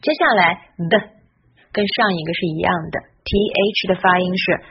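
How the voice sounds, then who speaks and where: A woman's voice: fairly low pitch, moderate pace, husky, lo-fi sound. A woman teaching English pronunciation, patiently drilling each sound and repeating words for practice. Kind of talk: pronunciation lesson.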